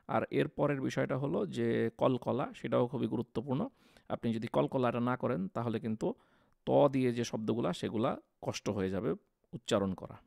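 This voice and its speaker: A man teaching a tajweed lesson on Quran pronunciation, explaining patiently and drawing out the letters slowly to demonstrate them. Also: medium pitch, vocal fry, a little mellow, dry recording, clean studio sound. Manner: slow, drawn-out demonstrations of Arabic letters.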